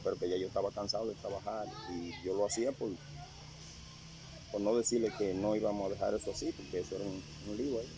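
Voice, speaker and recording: An older man recounting a personal testimony in casual storytelling, halting and repeating phrases as he remembers. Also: fairly low pitch, fairly even intonation, background noise. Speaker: interviewee sharing a testimony.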